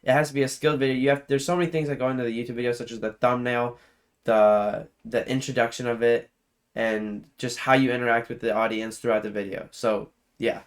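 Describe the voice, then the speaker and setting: A man commenting casually on a video he is watching, rambling along with lots of filler words. He sounds easily impressed and talks in a plain, mid-pitched voice. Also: flat delivery, brisk. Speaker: reaction video host.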